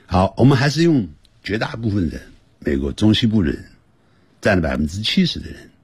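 A man teaching an English lesson on the radio. He explains grammar patiently and sounds words out slowly, several times over, to show how they should be said. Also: fairly low pitch, very animated, slightly rough, dry recording. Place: radio studio.

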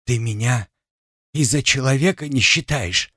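A man's voice: fairly high pitch, big pitch swings, unhurried, dry recording, clean studio sound, voice pushed up. A man reading an audiobook, voicing a timid young peasant wife who pleads with her husband. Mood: pleading.

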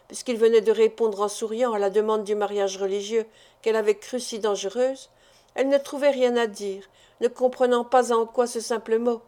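A woman narrating a classic novel as an audiobook, with even, measured storytelling. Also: on the high side.

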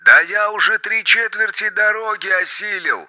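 A man's voice: high voice, normal speed, pushed and bright, voice pushed up. A man reading an audiobook, voicing a brash male helicopter pilot who talks over a radio handset. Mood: breezy. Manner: brash, dismissive of danger. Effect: heard over a radio handset.

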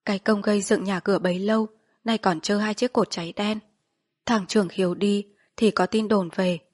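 A woman narrating a novel as an audiobook, reading in a steady, even storytelling way. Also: mid-range voice, moderate pace.

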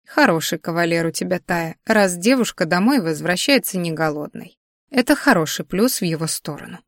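A woman voicing a kindly elderly grandmother in an audiobook, speaking slowly and gently. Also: lowish voice, animated, no echo, clean studio sound. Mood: fond.

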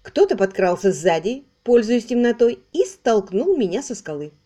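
A woman voicing a shaken but firm heiress in an audiobook, speaking in a mellow, measured way. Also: fairly high pitch, sing-song.

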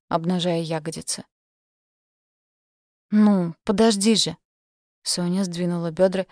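Woman audiobook narrator, steady read, fairly low voice, dry close sound. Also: dry recording. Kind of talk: scripted narration.

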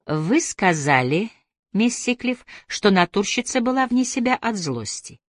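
A woman's voice: mid-range voice, big pitch swings, measured pace, dry recording, studio quality, voice pushed up. Woman reading a polite firm detective. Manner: polite but firm questioning.

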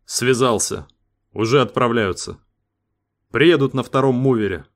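A man's voice: mid-range voice, a little slow, lightly acted. A man voicing a cool-headed male expedition commander who gives curt orders. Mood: stern.

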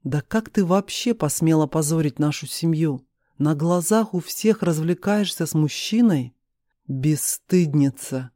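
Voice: mid-range voice, a little slow, warm tone, dry recording, studio quality, lightly acted. A reader voicing a stern middle-aged mother who harshly scolds and accuses her daughter in an audiobook. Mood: scolding.

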